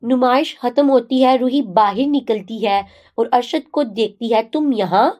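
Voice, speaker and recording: Brief: a woman narrator, steady storybook reading, slightly high pitch.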